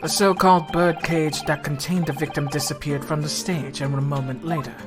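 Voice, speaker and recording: A woman's voice: low voice, fairly even intonation, fairly quick. A woman streaming a game, reading its text and making joking asides. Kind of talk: let's play commentary and reading. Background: game music.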